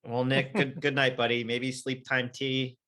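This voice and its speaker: A man's voice: medium pitch, little pitch movement, measured pace, bright, forceful tone. A man hosting a casual interview call, friendly as he wraps up the show. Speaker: podcast host.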